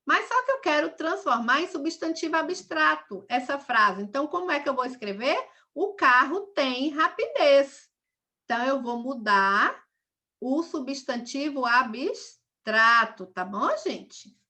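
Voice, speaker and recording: A woman teacher talks through a recorded lesson for young pupils. Her voice sits a little high and sounds bright and forceful. She goes over every example patiently, one step at a time. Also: lively intonation, measured pace. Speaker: primary school teacher.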